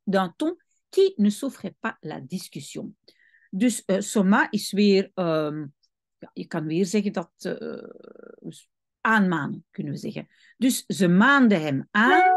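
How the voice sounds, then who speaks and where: Slow, lively woman teaching French. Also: mid-range voice, no room sound, studio quality. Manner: slow, patient, with frequent hesitations and self-corrections. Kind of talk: reading a French novel aloud and explaining it in Dutch.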